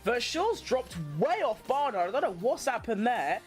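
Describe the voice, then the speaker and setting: A woman hosts a livestream watchalong, giving informal, slangy motorsport commentary live as though thinking out loud. Her voice is on the high side and sing-song at normal speed, with soft music playing in the background.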